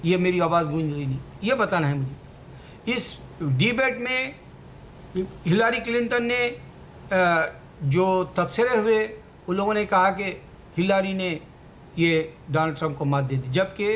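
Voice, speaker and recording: A man's voice: high-pitched, slight background noise. A man giving a rambling, preachy political commentary with a religious message, full of fillers.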